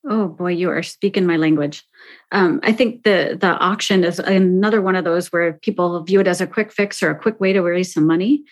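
A woman's voice: fairly low pitch, a little fast. A woman hosting a podcast interview in a conversational style. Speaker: podcast host.

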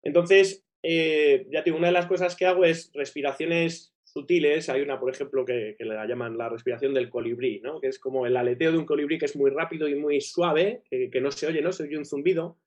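A man's voice: fairly high pitch, brisk, hardly any pauses, darkish tone. A man with a broken, operated nose and a nasal dilator, explaining things enthusiastically as an interview guest, often checking in with tag questions. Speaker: guest breathing coach.

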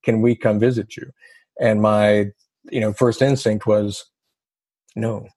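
A man recounts his past in a husky voice, recorded close and dry. He tells it with a wry, self-deprecating humor and easy laughter, in a relaxed interview. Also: on the low side, unhurried, dry recording. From American South. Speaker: guest. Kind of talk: conversational storytelling interview.

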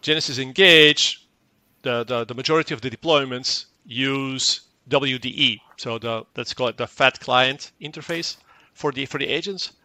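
Speaking as a tech company guest, a native Dutch speaker explains a technical product in an interview with a medium-pitched, bright, forward voice at normal speed. The sound is dry and close. He talks fluently, though he doubles words and acts out little dialogues.

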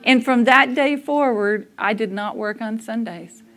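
Candid woman preaching a sermon, slightly high. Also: unhurried, fairly bright tone. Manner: conversational, candid, laughs at herself. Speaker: speaker at a church service. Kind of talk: sermon with personal stories.

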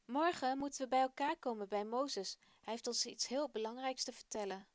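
A woman voicing a calm Israelite father in a children's radio story, speaking in a gentle, reassuring way. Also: a little high, normal speed, dry recording, close to an everyday voice.

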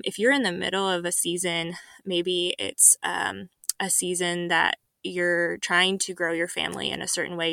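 A young woman raised in Guatemala and Mexico, earnestly sharing a personal faith story as a podcast guest, with many ums and soft laughs. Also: lowish voice, creaky, no echo. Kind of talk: personal testimony in a podcast interview.

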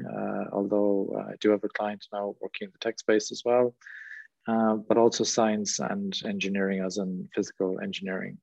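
In a webinar Q&A, a middle-aged Irish guest trainer speaks in a lowish, creaky, slightly mellow voice. He rambles with frequent fillers, captured in a dry recording with dull lo-fi quality.

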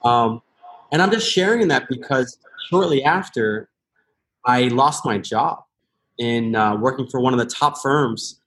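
A man's voice: medium pitch, a little slow, a bit bright. An American man in his thirties, a podcast guest, talking earnestly and thoughtfully, often restarting his sentences. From United States. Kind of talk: reflective interview talk.

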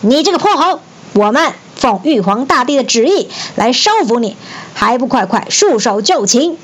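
A woman's voice: a little high, animated, normal speed, pitched above the performer's own voice. Woman voicing Nezha, fierce boy warrior. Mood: angry. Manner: scolding, shouting.

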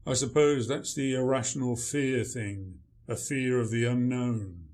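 A man's voice: medium pitch, fairly even intonation, unhurried, a little mellow, lightly acted. A man playing a grumpy male writer, dry, sarcastic and dismissive in a radio play. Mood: sardonic.

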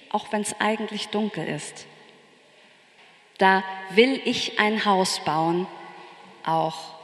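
Slow, measured woman pastor preaching. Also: mid-range voice. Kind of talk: sermon. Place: church. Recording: echoey church with long reverb.

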